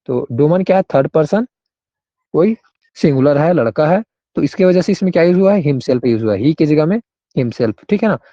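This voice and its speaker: A man's voice: on the high side, expressive, a little fast, dark tone, dry recording. Man teaching grammar, dull sound. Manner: explains with repeated checks, questions students by name. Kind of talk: online class explanation.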